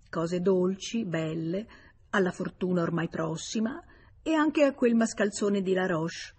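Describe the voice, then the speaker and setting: Breathy woman reading a novel aloud. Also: fairly low pitch, darkish tone. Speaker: audiobook narrator. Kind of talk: scripted literary narration.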